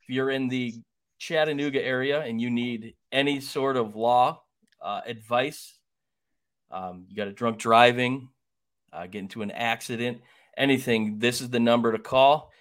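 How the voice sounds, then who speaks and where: Speaking at a moderate pace in a mid-range, fairly bright voice, a man hosts a casual sports podcast. He rambles in a folksy way, with lots of fillers and false starts.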